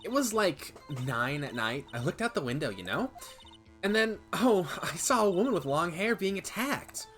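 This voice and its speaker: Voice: mid-range voice, very animated, moderate pace, fairly bright tone, soft background music, pitched above the performer's own voice. A game streamer voicing a gossipy, breathless young Valley girl witness with drawling, swooping, filler-laden speech. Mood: gossipy, dramatic. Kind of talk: reading video game dialogue aloud.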